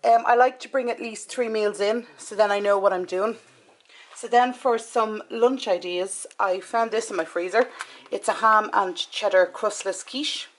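An Irish woman in her forties vlogs about shopping in a casual, matter-of-fact way, moving between her home kitchen and the inside of a car. Her medium-pitched voice stays steady at a moderate pace. Clicks and clear background noise run through the recording.

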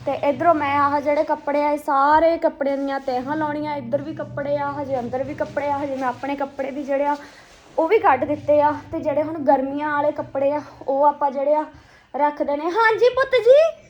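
A woman's voice: sits high, flat delivery, a little fast, a little mellow, highs cut off. A young woman chatting casually as a home vlogger, often repeating words for emphasis. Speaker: family vlogger. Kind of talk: casual chatty home vlog, talking to viewers and family. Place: busy family home. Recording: noisy handheld home recording.

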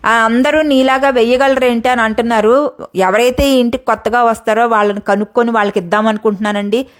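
A woman's voice: fairly high pitch, fairly even intonation, brisk. A middle-aged woman talking to her viewers in a heartfelt, tearful way in a personal vlog. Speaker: vlogger.

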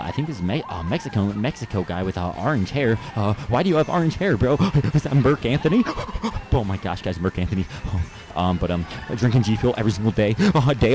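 A young man giving live gameplay commentary, hyper and full of slang, constantly addressing his viewers and bursting into high yelps. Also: a little mellow. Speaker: gaming channel host.

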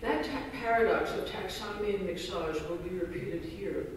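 A man delivers an academic keynote in a large lecture hall, reading a scholarly paper full of dense phrasing and dry, self-deprecating asides. His voice sits high and moves at a normal speed, captured from far off in an echoey hall with a little hiss or hum.

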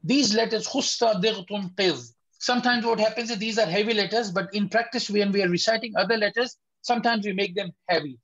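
A man teaching a beginners' lesson online, patiently correcting students and slowly demonstrating each sound. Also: sits high, fairly bright tone. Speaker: Tajweed teacher. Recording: slightly dull lo-fi audio.

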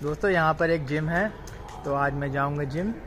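A man's voice: fairly high pitch, moderate pace, a bit bright, soft background music. A young man in his twenties chatting casually to viewers while filming a vlog on a phone at arm's length. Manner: chatty, addresses viewers as friends. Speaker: vlogger. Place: apartment complex gym and game room, indoors and outdoors. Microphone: phone camera held at arm's length. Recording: noisy phone recording.

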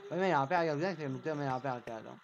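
A man hosting a casual gaming video, talking excitedly with frequent exclamations. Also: a little high, very fast, highs cut off. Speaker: gaming channel host. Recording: noisy background.

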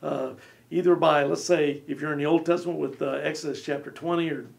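This co-host, a man in his forties with a fairly high, gravelly voice, leads an animated Bible discussion from a small studio set. He talks a little fast, lively and conversational, gesturing as he goes and sometimes voicing short quotes in little character voices.

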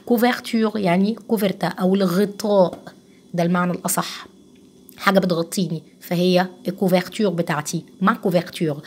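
A woman teacher with an Egyptian Arabic accent explains French grammar to young pupils. She is patient, says words slowly and often checks that they follow. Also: mid-range voice, slightly rough.

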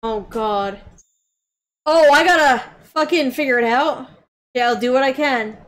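A woman's voice: high-pitched, unhurried. A woman co-hosting a game stream, chatting casually and reacting as she plays. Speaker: streaming co-host. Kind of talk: casual gameplay chat.

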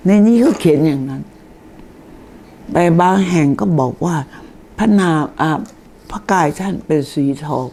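An older woman with a deep, mellow voice gives a chatty, informal lesson on the names of deities. She explains things slowly and reads the names aloud.

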